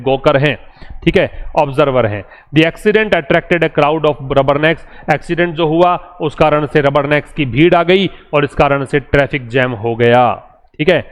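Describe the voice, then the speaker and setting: An Indian-accented man teaches English vocabulary, his fairly high voice running through lists of synonyms again and again like a drill. He slows down carefully whenever he reads an English example sentence. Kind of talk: vocabulary lesson.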